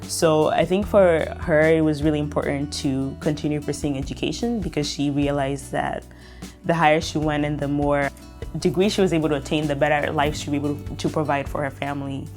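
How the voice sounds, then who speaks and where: A woman's voice: low-pitched, fairly even intonation, brisk, darkish tone, soft background music. A young woman from Kenya, telling her story in a documentary interview, reflective and full of fillers. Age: young adult.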